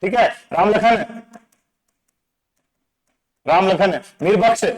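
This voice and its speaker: A man teaching an exam-prep lesson, playful and asking quick quizzing questions over and over. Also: sits high, low-quality recording. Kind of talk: exam-prep lecture with memory tricks.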